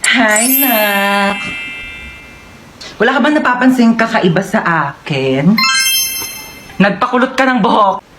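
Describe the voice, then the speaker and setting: A woman's voice: mid-range voice, expressive, slow, pauses often, noisy background. A woman narrating and acting out comedic storytime skits in a playful, teasing way, with music playing behind.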